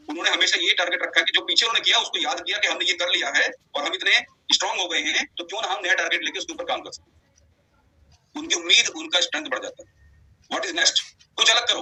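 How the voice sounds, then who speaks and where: Fast, animated man giving a pep talk. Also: high voice, slight background noise, poor audio. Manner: animated, mixes English phrases into Hindi. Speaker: motivational speaker at a wellness club. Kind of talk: motivational talk to a group.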